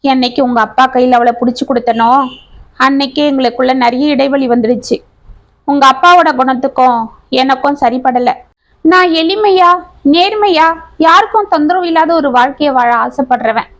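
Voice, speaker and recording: A woman voicing an older village man, an honest and proud uncle, speaking in an earnest, measured way. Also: high voice, natural voice.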